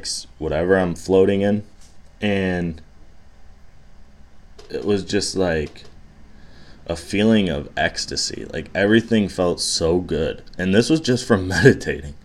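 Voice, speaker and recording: A young man hosting a solo podcast, telling a story in a rambling, casual way with lots of fillers and casual swearing. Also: low voice. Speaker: podcast host.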